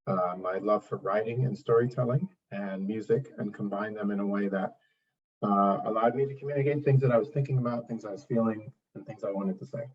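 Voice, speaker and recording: A middle-aged singer-songwriter from Trinidad and Tobago answers interview questions in a relaxed, thoughtful, rambling way, often poking fun at himself. His voice is fairly low, brisk, and slightly rough. The sound is lo-fi, with the mic at a distance.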